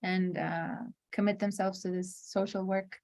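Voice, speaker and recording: Woman hosting a panel, pretty flat even voice, measured. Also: mid-range voice, creaky. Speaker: host. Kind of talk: online panel discussion.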